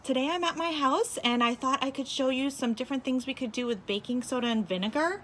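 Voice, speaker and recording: A woman with a fairly high voice speaks like a kids show host. She addresses small children in a sing-song, encouraging teacher's manner as she demonstrates simple activities step by step. It is a homemade recording with some background noise. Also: quick pace. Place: inside a home.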